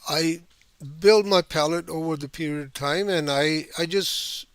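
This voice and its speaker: A man's voice: on the high side, a little slow, a bit bright, clear, resonant tone, no room sound. A man teaching a watercolor painting class, talking loosely through his steps with many fillers and frequent "right?" checks. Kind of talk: painting lesson demonstration.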